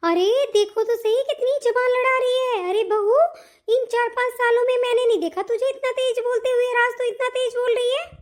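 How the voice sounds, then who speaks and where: A woman voicing a bossy, nagging older mother-in-law in an animated family story, with a sharp, commanding delivery. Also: extremely high pitch, normal speed. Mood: scolding.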